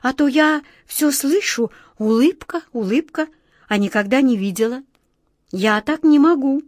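A plaintive little storybook girl, voiced by a woman, pleading in a high, carrying voice that stretches her words. Her tone stays small and wide-eyed. The sound is dry and close. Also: expressive, a little slow, a little mellow, no room sound.

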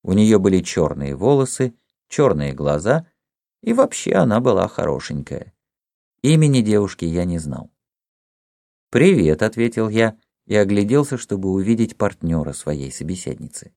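A man narrating a novel in first person in a measured, expressive audiobook reading. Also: on the low side, vocal fry, dry recording, studio quality.

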